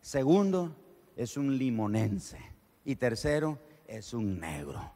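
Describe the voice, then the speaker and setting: A man with a Nicaraguan accent preaching a sermon, telling the story with animated, dramatic delivery. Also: medium pitch, takes it slowly, big-room sound. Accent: Nicaraguan Spanish.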